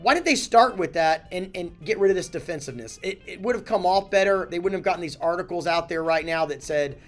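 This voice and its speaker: A man, a company chief, giving a casual, animated talking-head lesson on handling crises, blunt and self-correcting. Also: sits high, fast, faint music behind. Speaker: company CEO teaching communication.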